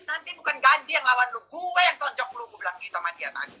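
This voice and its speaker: Woman, loud dramatic gossip storyteller, piercing tone, phone-line sound. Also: high-pitched, big pitch swings, quick pace, breathy edge. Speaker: social media personality. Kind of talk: casual gossip chat.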